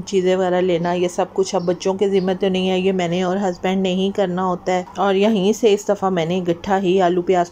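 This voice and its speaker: A middle-aged woman from Pakistan talking through a home vlog in a chatty, earnest way that drifts into gentle advice. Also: medium pitch, muffled recording, a little hiss or hum. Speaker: vlogger. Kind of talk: casual vlog voice-over.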